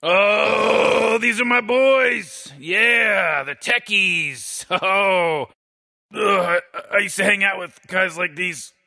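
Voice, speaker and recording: This man's full character voice is high-pitched, slow, and steady, pushed and bright, as he plays a cynical old male mad scientist. He delivers sardonic comedic commentary on game characters, sarcastic and rambling, with stammered restarts and barked insults.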